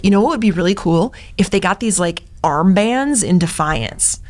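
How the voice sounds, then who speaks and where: A woman lawyer in a casual podcast chat, chatty and animated. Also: mid-range voice, moderate pace.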